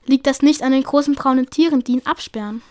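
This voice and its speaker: An earnest young she-cat apprentice who insists she is right, read out by a woman in a storybook reading. The voice sits a little high, close and dry, with small slips in the reading. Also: fast, dry recording, lightly acted. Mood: insistent.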